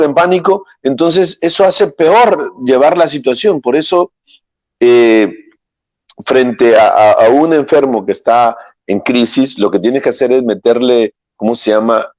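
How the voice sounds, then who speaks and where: A middle-aged man, a priest, giving a homily full of anecdotes and often pausing to search for words. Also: mid-range voice, a little mellow, no echo. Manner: rambling, searches for words, many fillers. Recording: dull, dry lo-fi sound.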